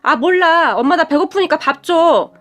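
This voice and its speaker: A woman's voice: sits high, lively intonation, normal speed, a bit bright, pitched above the performer's own voice. A woman voicing a fierce, mocking young wife. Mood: blunt offhand. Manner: scornful, taunting.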